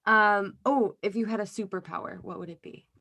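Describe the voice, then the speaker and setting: A woman's voice: medium pitch, a little fast, sharp tone. A woman hosting a casual podcast interview, upbeat and giggly, encouraging her guest. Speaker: podcast host.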